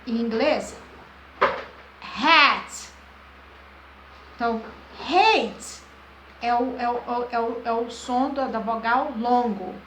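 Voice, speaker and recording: A woman with a fairly high voice teaches phonics informally, pausing and repeating filler words as she searches for what to say. She talks very slowly and draws out her explanations. The recording sounds roomy, with a faint hum of noise behind her. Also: a bit bright. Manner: slow, drawn-out explanations. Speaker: English teacher. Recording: echoey room with faint background noise.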